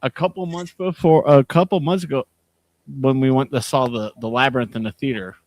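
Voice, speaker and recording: A man's voice: medium pitch, fairly even intonation, fairly quick, a little mellow, no room sound. A man chatting casually on a video call, rambling through stories and laughing often.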